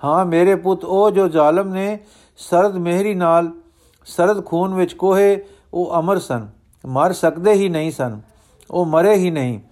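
A man voicing a grave, steady guru father. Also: high-pitched, a little slow. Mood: solemn. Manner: solemn, declamatory, steady.

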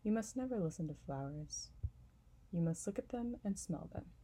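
A woman voicing an earnest young boy prince in an audiobook, speaking simply and gently. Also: mid-range voice, expressive, normal speed, breathy edge. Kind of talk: audiobook reading.

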